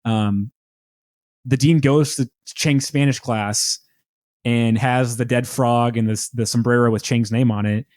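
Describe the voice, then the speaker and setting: A man co-hosts a casual podcast, recapping a sitcom episode in an everyday voice. He often leaps up into a high register to quote the characters. The sound is close and dry, with no room echo. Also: measured pace. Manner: animated, jumps into high pitch to quote lines. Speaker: podcast co-host.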